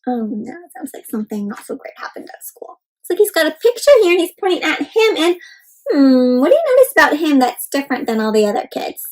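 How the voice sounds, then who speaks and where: On a rough recording, a woman with a high voice and big pitch swings reads an interactive storybook to young children at a quick pace. She frequently asks her listeners questions and speaks to them as friends.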